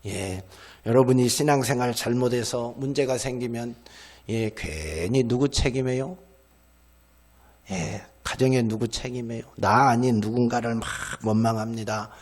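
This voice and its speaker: A middle-aged male pastor delivers a sermon in a conversational, call-and-response way, firing questions at the congregation and answering them himself. He slips into animated little voices for the complaining people he describes, then drops to a soft, hushed tone to drive a point home. His voice sits at an ordinary man's pitch. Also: normal speed. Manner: acts out quoted complaints in lively voices; drops to a hushed voice at the ends of phrases.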